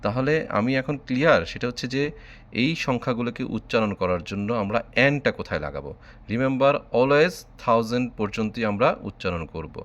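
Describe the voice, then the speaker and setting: A man's voice: medium pitch, animated, brisk, a bit bright. A man from Bangladesh teaching a math lesson online, patiently spelling out number words letter by letter.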